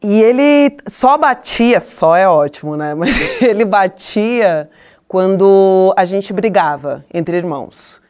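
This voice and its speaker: A woman with a Brazilian Portuguese accent co-hosting a podcast, telling stories in a lively, slangy, joking way. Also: medium pitch, slow, clear, resonant tone. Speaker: podcast co-host. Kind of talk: casual chat.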